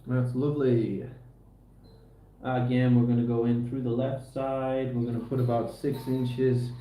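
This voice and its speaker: An easygoing livestreamer fixes a guitar, chatting tutorial-style to his viewers and to himself as he works. His mid-range voice is dark, unhurried, and fairly monotone, and the recording has a roomy echo with faint background noise.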